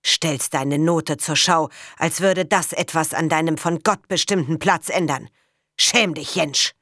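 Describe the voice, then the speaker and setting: A woman reading a stern, commanding rural father who scolds and scorns, in a loud, raised voice. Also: a little high, fairly quick, no room sound, clean studio sound, close to an everyday voice. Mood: stern scolding.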